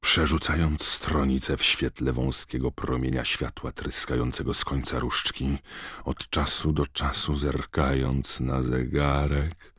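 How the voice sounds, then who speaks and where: A man reading a storybook aloud with an expressive, dramatic delivery. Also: a bass voice, unhurried, slightly rough, no room sound, clean studio sound. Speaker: audiobook reader. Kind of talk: storybook narration.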